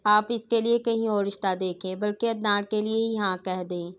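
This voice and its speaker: A woman's voice: medium pitch, fairly even intonation, normal speed, fairly bright tone, clear, resonant tone, natural voice. A woman reading the lines of a stubborn, studious young son in a novel, speaking indignantly and insistently.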